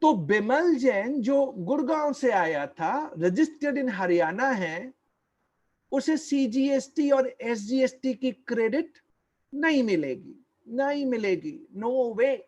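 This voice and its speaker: A man giving an online tax lecture, slow and deliberate, repeating key points and quizzing his listeners. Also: very high-pitched, very animated, darkish tone, lo-fi sound.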